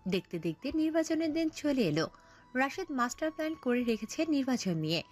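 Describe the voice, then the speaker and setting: A woman narrating a scripted audio story, telling it in an expressive storytelling manner. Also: sits high, fairly quick, faint music behind.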